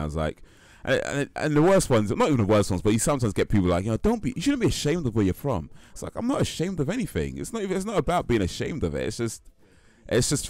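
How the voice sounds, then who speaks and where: Speaking at a medium pitch with a slightly mellow quality and no echo, a young man from the United Kingdom chats loosely with viewers on his livestream. He's easygoing, laughs a lot, and repeats himself amid many fillers.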